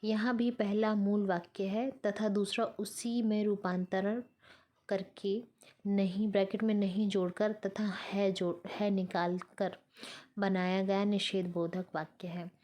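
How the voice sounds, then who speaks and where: A woman teacher reading out Hindi grammar sentences and explaining them slowly, with English words mixed in. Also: mid-range voice, flat delivery, dark tone. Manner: slow, careful dictation of each sentence, mixing in English words.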